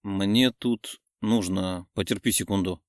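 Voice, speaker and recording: Man doing a low grumbling young lover. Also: steady tone, slow, no echo, studio quality.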